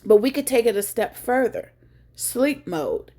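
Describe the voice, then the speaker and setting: A woman's voice: on the high side, lively intonation, unhurried, warm tone. Woman doing a laid-back phone cleanup tutorial, talks her way through each step, little jokes. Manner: chatty, joking asides, thinks aloud. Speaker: tech tutorial host. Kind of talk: casual screen-share tutorial.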